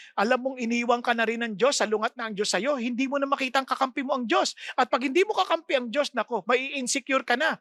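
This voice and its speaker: A woman preacher giving an expressive sermon and often asking her listeners questions. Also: a little high, no room sound. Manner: expressive, asks the congregation repeated questions.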